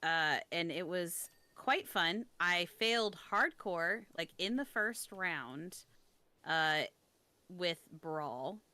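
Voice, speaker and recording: Young woman, bright voice, a little low, casual chat, storytelling, self-deprecating, dry close sound. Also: lively intonation, takes it slowly, no echo.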